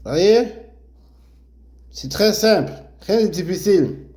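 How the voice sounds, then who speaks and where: A man's voice: sits high, lively intonation, slow pace, a little mellow. A man teaching Arabic letters step by step, explaining while he writes and repeating each sound many times. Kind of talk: slow step-by-step lesson.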